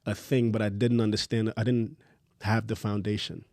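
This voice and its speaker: A man in his thirties from Trinidad, a fashion designer telling his story in a relaxed, candid, slangy podcast chat. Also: on the low side, moderate pace, vocal fry, no room sound, clean studio sound. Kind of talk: casual interview chat.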